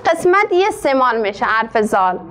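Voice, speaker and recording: A woman teaching a literacy class in an Afghan Dari accent, asking the class many questions and reading syllables out very slowly. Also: on the high side, big pitch swings, a bit bright. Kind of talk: classroom lesson.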